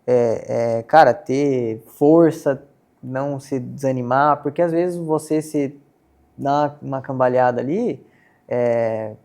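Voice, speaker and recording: A man's voice: mid-range voice, slow pace, warm tone. A Brazilian man hosting a casual faith podcast interview, asking questions and padding them with fillers. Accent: Brazilian Portuguese. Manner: asks questions with many "cara" and "né" fillers. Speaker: podcast host.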